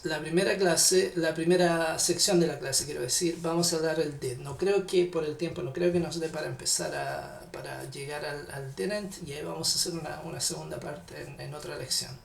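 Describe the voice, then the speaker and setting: A man with a Chilean accent, teaching an English lesson, speaking patiently and deliberately to his learners. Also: on the high side, vocal fry, fairly bright tone, echoey room. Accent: Chilean Spanish. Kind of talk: classroom lesson explanation.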